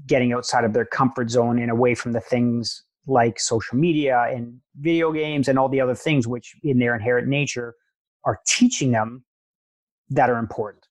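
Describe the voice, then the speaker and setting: An interview host who asks long, thoughtful questions and affirms often. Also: medium pitch. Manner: thoughtful, affirming listener with frequent backchannels. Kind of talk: casual interview conversation.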